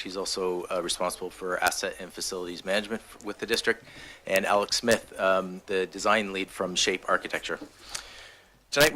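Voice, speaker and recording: A man with a slightly low but bright voice delivers a formal report to a town council. He reads prepared remarks in a measured way, with a faint hiss behind him. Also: poor audio. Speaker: municipal parks director.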